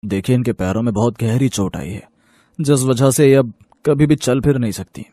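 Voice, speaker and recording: A man's voice: mid-range voice, normal speed, warm tone, dry recording, clean studio sound, natural voice. A man voicing a grave, matter-of-fact doctor in a cartoon story.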